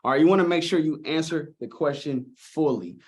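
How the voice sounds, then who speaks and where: Guy giving interview tips on a webinar, kinda high voice, chill and encouraging, says all right a lot. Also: fairly quick, darkish tone. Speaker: presenter. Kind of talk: live webinar coaching.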